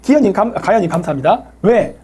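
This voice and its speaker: Woman live-stream host, combative and sarcastic, slightly husky, higher voice swinging widely in pitch. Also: lively intonation, fast talker, mellow. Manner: combative, sarcastic, full of rhetorical questions and coarse insults. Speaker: livestream host thanking viewers for donations. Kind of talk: opinionated political commentary stream.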